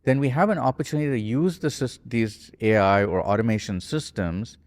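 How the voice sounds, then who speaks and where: A man's voice: mid-range voice, a little fast, a little mellow. A man in his forties, a podcast guest, musing at length with frequent restarts and self-corrections. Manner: thoughtful, rambling, self-correcting. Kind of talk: casual conversation. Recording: long hall reverb.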